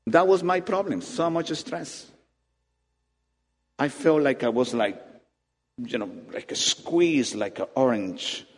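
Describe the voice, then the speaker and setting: In a reverberant church hall, a male preacher of medium pitch speaks slowly and pauses often. His sermon is animated, swelling into emphatic peaks and easing into quiet asides, all carried on a long echoing tail.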